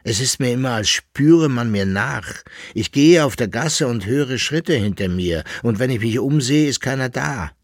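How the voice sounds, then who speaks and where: A man's voice: on the low side, lively intonation, slow, slightly rough, dry recording, clean studio sound, pitched above the performer's own voice, heavily acted. A man voicing an anxious, gout-ridden older patron who speaks urgently and secretively. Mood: uneasy.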